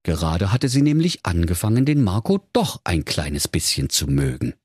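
Male narrator, comic fairy tale, husky, lively melody, dry sound. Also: sits low, normal speed, no room sound. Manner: mock-solemn storytelling.

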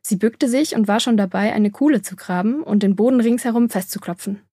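A woman narrating a children's storybook in a calm, even storytelling manner, with a breathy voice. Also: medium pitch, fairly quick, no echo, studio quality. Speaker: audiobook narrator.

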